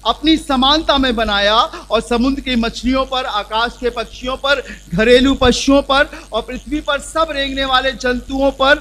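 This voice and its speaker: A man pastor teaching the Bible loudly in a church hall, calling out questions for the congregation to answer. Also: very high voice, fairly even intonation, unhurried, few pauses. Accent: Hindi. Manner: loud call-and-response preaching. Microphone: handheld mic.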